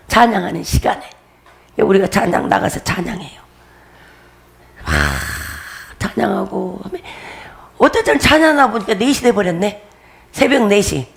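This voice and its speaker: A woman's voice: medium pitch, creaky. A woman pastor giving a testimony sermon, emphatic and repetitive, often breaking into laughter as she urges her listeners.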